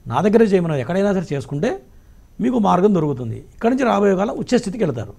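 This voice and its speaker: A male astrologer with a high voice and a rapid, clipped delivery. He lectures callers bluntly and tells them what to do. He speaks in a call-in advice format. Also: very animated, gravelly, mellow, husky.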